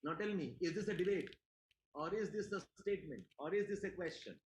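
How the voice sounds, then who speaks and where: Indian male teacher, a bit high-pitched, emphatic classroom lecture, echoey room. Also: lively intonation, brisk, a little hiss or hum. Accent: Indian English. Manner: repeats questions to the class, emphatic.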